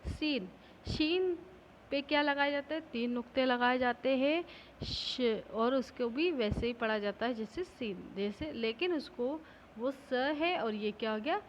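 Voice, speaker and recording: A woman's voice: a little high, measured pace, highs cut off, a little hiss or hum. A woman school teacher giving a patient classroom lesson, asking questions and answering them herself. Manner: patient, repeats each point, asks and answers itself.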